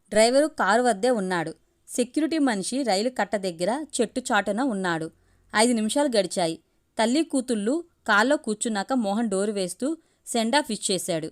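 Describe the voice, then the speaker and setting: Lady reading a family story out loud, steady and even, audio story. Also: medium pitch. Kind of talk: scripted story narration.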